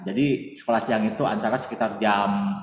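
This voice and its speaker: This guest in a laid-back interview has a fairly low, brisk voice with mostly even intonation. He tells a story chattily, calls himself by name, and fills his speech with filler words, all captured in an echoey, faraway room with slight noise.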